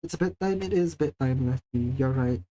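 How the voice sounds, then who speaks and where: At a moderate pace and medium pitch, a mellow-voiced Singaporean streamer hangs out with viewers and responds to chat, with slight background noise behind. They ramble happily, poke fun at themselves, and curse now and then.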